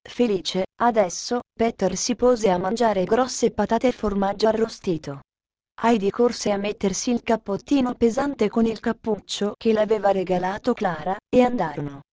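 Woman calmly narrating a storybook. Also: mid-range voice, normal speed.

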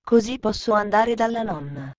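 A woman's voice: medium pitch, animated, moderate pace, no echo, close to an everyday voice. A woman reading as an eager little mountain girl. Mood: curious.

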